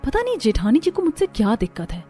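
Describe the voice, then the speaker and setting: Female cartoon voice actor, fairly high pitch, dramatic reads, music bed. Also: huge pitch swings, fast, dark tone. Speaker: voice actor for several family characters. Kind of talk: cartoon dialogue acting.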